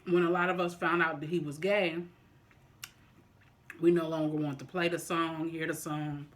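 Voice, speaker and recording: A vlogger talking casually and deliberately to viewers, often repeating and rephrasing in a halting way. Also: mid-range voice, flat delivery, fairly bright tone. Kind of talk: casual opinion talk to viewers during a mukbang.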